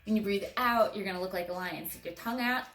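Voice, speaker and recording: A woman's voice: medium pitch, fast talker, fairly bright tone, soft background music. A woman teaching a guided yoga class for children at home, talking in a friendly, encouraging way. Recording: echoey room, mic at a distance.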